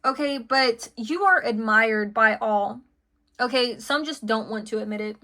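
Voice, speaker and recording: A woman's voice: on the high side, a little slow, sharp tone. A woman giving an intuitive tarot reading to her viewers, chatty and full of "okay" and "like" fillers. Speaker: tarot card reader.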